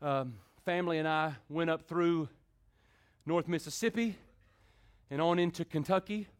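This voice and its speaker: Pastor, high voice, preaching in rhythmic repeats, gets loud then goes soft. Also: male voice, measured pace, clear, resonant tone. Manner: rhythmic repetition with call-and-response asides; swings from loud build-ups to quiet intimate talk. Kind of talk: sermon.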